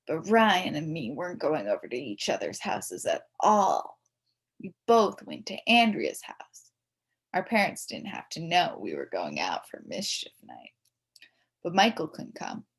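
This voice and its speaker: A woman narrates a children's story in a theatrical, emphatic scripted reading, voicing it as a mischievous child would. Her fairly low voice is husky, with vocal fry.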